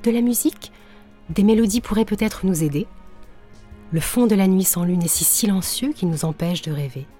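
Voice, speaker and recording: A woman's voice: medium pitch, normal speed, soft background music, natural voice. A woman voicing a young she-wolf. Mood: pleading. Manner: growling, animated. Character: young female wolf, fierce then playful.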